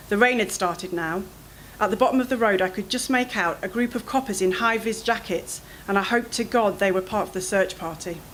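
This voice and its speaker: Woman, author reading, first-person fiction, expressive, anxious, mid pitch, faint background noise. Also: poor audio. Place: literary event, indoors.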